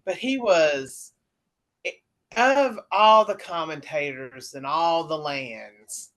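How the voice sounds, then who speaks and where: Animated woman chatting casually. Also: sits low. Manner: animated, mocking, quick asides. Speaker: podcast panelist. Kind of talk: casual chat.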